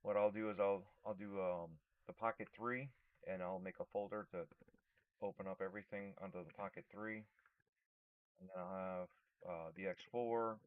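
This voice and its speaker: A man hosting a live stream, talking casually to himself as he works, often trailing off and mumbling into a mic placed low and off to one side. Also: fairly even intonation, moderate pace, clear, resonant tone. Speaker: channel host. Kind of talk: casual live-stream talk while working. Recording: dry, phone-like narrow sound.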